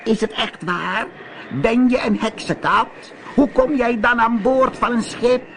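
A man voicing an angry, spiteful female sea witch in a storybook reading, with a shrill manner. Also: measured pace, a bit bright, a little hiss or hum, heavily acted. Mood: scheming.

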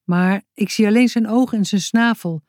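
A woman voicing an excitable young girl in a children's storybook, talking eagerly and quickly. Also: medium pitch, dry recording, clean studio sound, lightly acted.

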